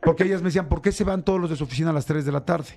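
A man with a Mexican Spanish accent, a radio host telling a story in a casual, animated way and acting out the sounds. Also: fairly high pitch, racing, creaky. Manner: animated, acts out sounds and voices. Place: radio studio.

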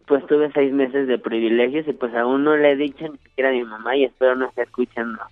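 A man's voice: mid-range voice, fairly even intonation, fast talker. A man calling in to a radio show and telling a story plainly. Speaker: caller. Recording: tinny phone line with music behind.

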